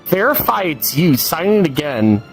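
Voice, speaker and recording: A man on voice chat during a game stream, excitable and quick to swear and laugh. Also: on the high side, faint music behind, poor audio. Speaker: friend on voice chat. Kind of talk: casual gaming chat. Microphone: online voice chat.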